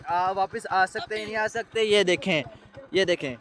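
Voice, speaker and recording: A man's voice: high voice, moderate pace, fairly bright tone. A man, vlogging casually outdoors on a farm, talking straight to viewers and calling out to helpers. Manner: chatty, addresses viewers directly, calls out to helpers. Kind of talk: casual vlog commentary while working outdoors.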